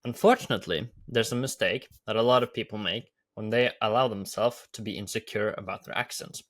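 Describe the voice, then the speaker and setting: A man's voice: lowish voice, fairly quick, fairly bright tone. A man from Norway with a Norwegian accent, hosting an enthusiastic video commentary with repetitive phrasing. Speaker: YouTube host.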